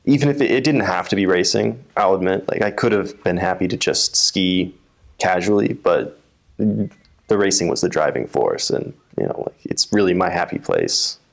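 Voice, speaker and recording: A man's voice: low-pitched, sing-song, moderate pace, vocal fry. A young man from the USA talking casually as an interview guest, often restarting and repeating words. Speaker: guest, telemark ski racer.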